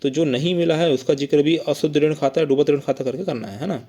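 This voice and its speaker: A man teaching an accounting lesson at a quick clip. His voice is mellow and dark. He keeps asking the class questions, answers them himself, and adds a tag question to nearly every point. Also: a little high.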